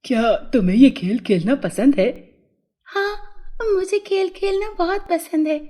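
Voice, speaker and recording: A woman narrating a children's fairy tale in scripted storybook style. Her voice is high and swings widely in pitch. She reads slowly with a mellow, soft tone. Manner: slow, expressive storybook reading.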